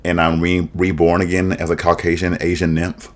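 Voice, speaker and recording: A young man hosts a casual reaction video from a small room, captured on a webcam and desk microphone. His voice sits low with a completely flat delivery at normal speed, though he cracks sassy, shady jokes and laughs often.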